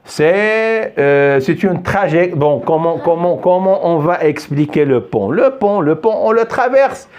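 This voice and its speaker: A man's voice: fairly high pitch, expressive, unhurried, hardly any pauses, a little mellow. A man teaching a French phonics lesson, patient and repetitive, often praising with "très bien". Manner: patient, repeats words many times, praises with "très bien".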